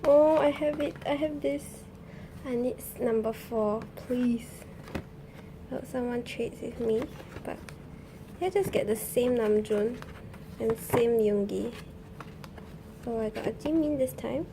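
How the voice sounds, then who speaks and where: A young woman chatting casually through an unboxing, often gushing with fan excitement. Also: on the high side, slow pace, pauses often, background noise. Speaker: unboxing vlogger.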